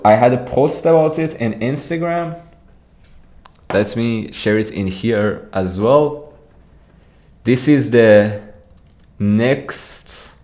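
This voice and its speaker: Chatting casually on a livestream, a young Iranian man with an Iranian accent answers viewers and often repeats words as he goes. His voice is medium-pitched and a little mellow.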